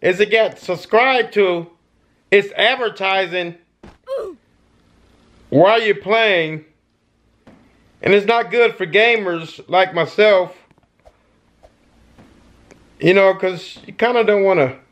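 A middle-aged man giving casual gameplay commentary into a headset mic, breaking into excited shouts and yelps. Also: sits high, slow, pauses often. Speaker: gaming YouTuber. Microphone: gaming headset.

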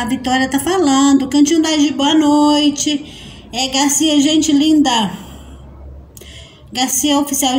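High-pitched chatty woman live streaming. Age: adult mother. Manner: chatty and affectionate, greets each viewer by name, laughs often. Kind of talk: casual live stream chat reading out viewer comments. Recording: roomy echo.

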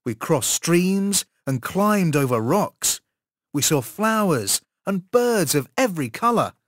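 A man reads a textbook story aloud in scripted narration, slowly and with care. His intonation rises and falls in a lively way. The recording is dry and close, with no room sound. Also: sits high, dry recording. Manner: slow, careful reading with lively intonation. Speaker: English course narrator.

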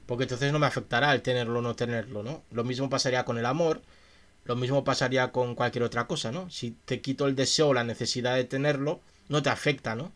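A man's voice: mid-range voice, steady tone, quick pace, a bit bright. Chatty man musing on a stream. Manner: reads passages aloud then muses with chat in a chatty, questioning way. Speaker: streamer reading philosophy. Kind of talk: casual reading and commentary on a livestream.

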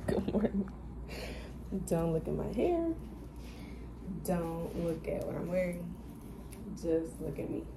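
A woman's voice: lowish voice, very animated, slow pace, vocal fry, pauses often, over music. A young woman vlogging on her phone camera in a rambling, chatty way, with lots of fillers. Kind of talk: casual vlog chat. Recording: noisy phone recording.

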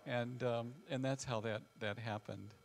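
A family counselor from west central Illinois, appearing as a guest speaker, tells personal stories in an informal presentation. His gravelly, medium-pitched Midwestern voice stays steady while he speaks haltingly and reflectively, pausing often. The setting is a large church hall with a wooden floor and a small seated audience.

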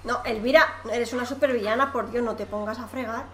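A high-pitched woman narrates her game in an animated, teasing way, often breaking into laughter. The room sounds echoey, and a steady hiss of noise sits behind her voice. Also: a little fast. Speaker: gaming youtuber. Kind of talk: excited gameplay commentary.

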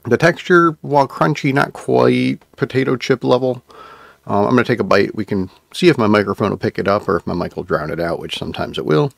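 A man's voice: mid-range voice, fairly quick, gravelly, dry recording. A man in his thirties giving a casual product review to camera as a channel host, close on a desk microphone in a room at home. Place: small room at home, indoors. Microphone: desk microphone, close to mouth.

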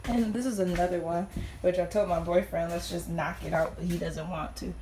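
A young woman vlogger gives a casual walkthrough of a small travel trailer she's renovating, chatting to viewers as "y'all" and sometimes dropping to a whisper. Her voice is fairly low with fairly even intonation and a brisk pace. She films on a phone held while walking, and the noisy recording picks up sanding.

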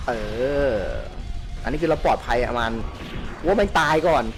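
Excitable man shouting through gameplay. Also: a little high, normal speed, music in the background. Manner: excitable, crude, shouts at the game characters. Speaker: gaming channel host. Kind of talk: live gameplay commentary.

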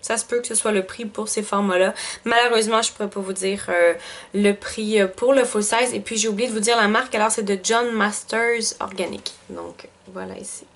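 A woman's voice: mid-range voice, steady tone, brisk. A woman with a Quebec French accent chatting casually through a beauty box unboxing, thinking aloud with lots of fillers. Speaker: beauty vlogger.

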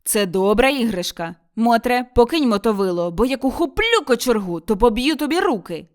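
A woman reading an audiobook, voicing an old peasant father who orders the quarrelling women about gruffly and angrily. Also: on the high side, very animated, moderate pace. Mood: angry. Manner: gruff, commanding, shouting. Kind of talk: audiobook character voice.

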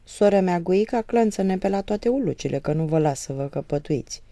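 A gruff, sarcastic village father, as a woman narrator puts him on snaps and mocks in a loud, raised voice. The audiobook reading keeps a gravelly, mellow grain under his scolding. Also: lowish voice, lively intonation, no room sound, pitched above the performer's own voice. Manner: irritable, mocking. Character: gruff sarcastic middle-aged peasant father.

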